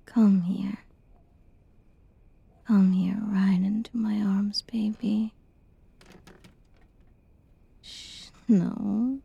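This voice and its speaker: Woman, ASMR whisper, soothing and tender, unhurried, flat even pitch, dark mellow tone. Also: gravelly, slightly rough, no room sound, muffled recording. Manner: soft, soothing whisper spoken close; slow, tender and reassuring. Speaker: ASMR roleplay performer. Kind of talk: whispered ASMR girlfriend roleplay.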